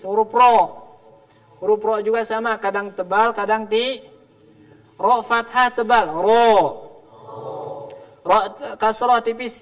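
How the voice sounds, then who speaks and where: A man's voice: sits high, fairly bright tone. A man with a Sundanese accent teaching Quran recitation in a mosque, patiently drilling letter sounds and asking students to repeat. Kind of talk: tajwid class with drills. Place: mosque hall, indoors. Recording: long reverb of a large hall.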